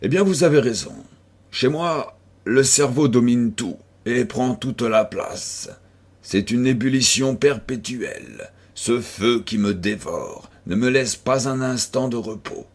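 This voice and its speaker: Audiobook figure: man reading a feverish, melancholy young loner, husky, slow, weary irony. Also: medium pitch. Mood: feverish, bitter. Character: feverish, melancholic young male recluse, bitter.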